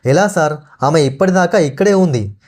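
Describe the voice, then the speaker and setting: A man's voice: fairly high pitch, expressive, moderate pace, a little mellow. A man voicing a frightened young woman stranded at night, asking anxious, pleading questions in a storytelling narration. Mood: insistent.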